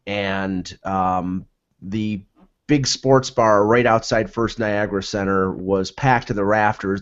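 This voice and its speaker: Man telling stories in dull lo-fi audio. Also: fairly low pitch. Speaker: sports talk show co-host. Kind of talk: casual chat, anecdotal storytelling.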